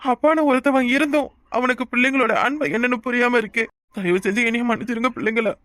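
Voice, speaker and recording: A remorseful cartoon father, voiced by a man, pleads with his family. His voice sits very high and runs fast, and the sound is dry and close with no room around it. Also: steady tone, fairly bright tone, no room sound. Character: grieving young father, guilt-ridden and pleading. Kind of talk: cartoon voice acting.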